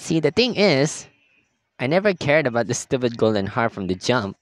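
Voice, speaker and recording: A man's voice: mid-range voice, big pitch swings, normal speed, no echo, natural voice. A man doing a teasing menacing merman boy. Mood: reckless. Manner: teasing, sing-song, giggling. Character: playful menacing teenage merman who toys with prey.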